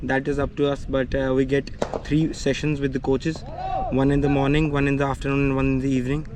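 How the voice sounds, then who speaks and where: Being interviewed, a young Kashmiri junior cricketer from Srinagar replies politely and keeps slipping in "you know." He speaks fairly quickly in a mid-range voice with a completely flat delivery, while a crowd and clear ambient noise sit in the background.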